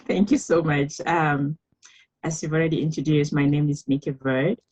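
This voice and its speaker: A woman's voice: low voice, steady tone, normal speed, darkish tone, husky, low-quality recording. A woman from Cameroon, a guest author, telling her story in a podcast interview, reflective and chatty with laughs and fillers.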